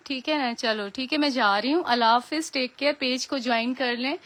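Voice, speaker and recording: A woman's voice: high voice, fairly quick, fairly bright tone. Chatty Pakistani woman selling clothes live. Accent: Pakistani Urdu. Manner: chatty, repeats pious phrases often; firm about fixed prices. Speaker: preloved clothing seller. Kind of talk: casual live-stream sales chat.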